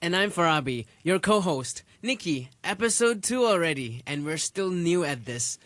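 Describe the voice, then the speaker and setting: A podcast co-host speaking in a measured way, reading through the show's segments in lists. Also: medium pitch, very animated, a bit bright, no room sound. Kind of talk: semi-scripted podcast hosting.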